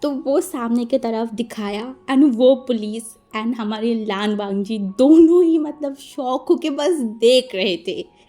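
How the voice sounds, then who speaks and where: A woman's voice: high-pitched, warm tone. A woman casually retelling a fan story in a chatty way, dropping in English words and giggling now and then. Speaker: fanfiction storyteller.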